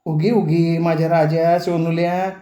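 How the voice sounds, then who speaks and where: A woman's voice: medium pitch, steady tone, measured pace, dark tone, roomy sound, pitched above the performer's own voice, natural voice. A man voicing a blunt, scolding older woman, the rural mother-in-law of a storybook, in broad village dialect.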